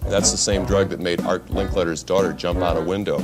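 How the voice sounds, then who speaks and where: A stern government voice breaking into the program with a special announcement, as a man plays it, sounding alarmist and over the top. The voice sits very deep. Loud music plays underneath throughout. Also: fairly even intonation, a little fast. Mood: alarmed. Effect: interrupting broadcast announcement.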